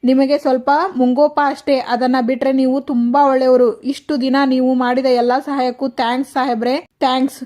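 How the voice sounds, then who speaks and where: A woman voicing a devoted young wife leaving for training, speaking gently and respectfully. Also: high voice, little pitch movement, fast, few pauses, lightly acted. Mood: tender farewell.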